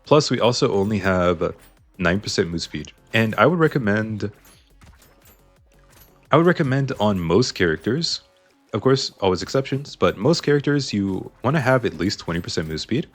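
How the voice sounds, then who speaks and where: A gaming YouTuber casually comments while playing a video game, chatting and explaining his choices in a slightly strained voice. It sits on the low side with big pitch swings at a moderate pace, over soft background music.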